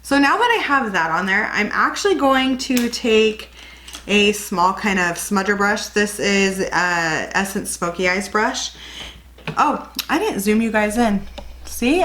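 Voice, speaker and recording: A young beauty vlogger with a slight cold chats and rambles through a casual makeup tutorial, correcting herself as she goes. Her mid-range voice is expressive and fairly bright, moving at a moderate pace. There's slight background noise.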